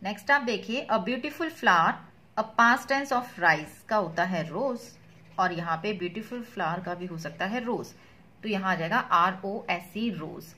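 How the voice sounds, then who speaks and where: A woman's voice: mid-range voice, measured pace, sharp tone. A woman teaching English grammar, patiently explaining each word and spelling terms out letter by letter in a mix of Hindi and English.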